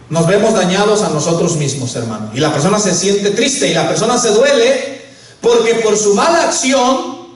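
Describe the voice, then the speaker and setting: A man preaching a sermon as a pastor, who keeps addressing the congregation as brother. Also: high-pitched. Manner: preaching, keeps calling listeners "hermano". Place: church. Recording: echoey church hall, voice from far off.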